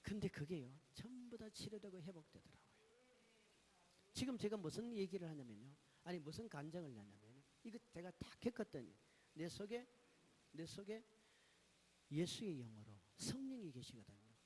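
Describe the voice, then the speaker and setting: A man preaching a testimony sermon at a church meeting, asking questions and answering them himself, swinging from loud exclamations to hushed asides. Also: sits high, sing-song, normal speed, slight background noise. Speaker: guest pastor giving a testimony.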